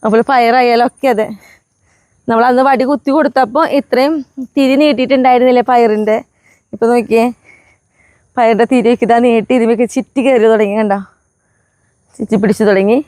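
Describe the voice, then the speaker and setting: A woman's voice: on the high side, steady tone, fairly quick, long pauses. A woman with a Kerala Malayalam accent chatting casually to the camera in a family vlog, often tacking friendly asides onto her sentences for viewers. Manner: soft baby-talk when addressing her pets. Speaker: family vlogger.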